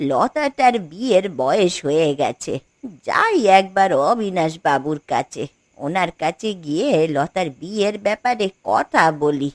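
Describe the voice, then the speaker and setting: A woman's voice: on the low side, big pitch swings, measured pace, no echo. A woman voicing a stern, fretting old grandmother in a cartoon, scolding and grumbling in a weary way. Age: older. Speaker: voice actor. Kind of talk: cartoon voice acting.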